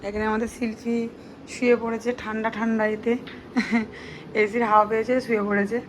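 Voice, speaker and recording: Woman vlogger, hoarse, higher voice, faint room noise; chatty to camera. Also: level tone, brisk. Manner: chatty, addressing viewers directly. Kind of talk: casual family vlog. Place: home, indoors with family.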